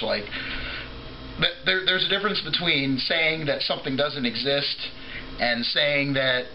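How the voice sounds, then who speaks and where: A man's voice: medium pitch, bright, forceful tone, dull audio, slight background noise. A man giving an off-the-cuff, drunken, rambling opinion rant as a video blogger, trailing off, restarting and swearing freely.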